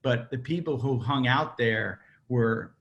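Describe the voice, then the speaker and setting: A man's voice: medium pitch, slow, a bit bright, highs cut off. A man guesting on an interview, telling long rambling stories with plenty of fillers in a casual chat. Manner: rambling storyteller, many fillers. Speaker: cigar maker, interview guest.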